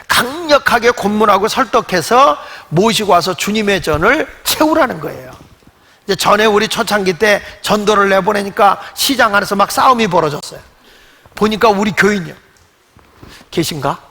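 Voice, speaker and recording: High, gravelly-voiced older man preaching. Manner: animated storytelling, acts out quoted voices. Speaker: pastor. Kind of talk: Sunday sermon. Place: church sanctuary. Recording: long hall reverb.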